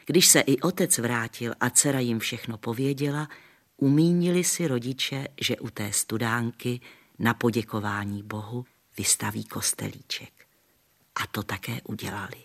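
A man's voice: mid-range voice, close to an everyday voice. A man voicing a kindly old grandmother who tells folk tales to children in a homely, patient way. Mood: storytelling. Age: older. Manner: homely, patient storytelling with folksy sayings. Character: kindly old grandmother, gentle village storyteller.

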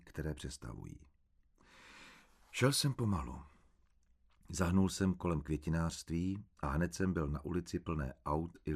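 A man narrating a literary novel in the first person, calm, measured and subdued. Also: deep voice. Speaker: audiobook narrator.

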